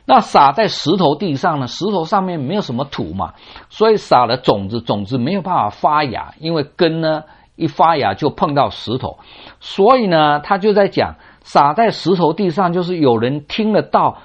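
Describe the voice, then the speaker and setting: A man's voice: a little high, very animated, breathy edge. A man preaching a sermon on a parable, asking and answering his own rhetorical questions in a teaching tone. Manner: teaching tone with drawn-out sentence particles. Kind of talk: sermon expounding a scripture parable. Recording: dull lo-fi recording.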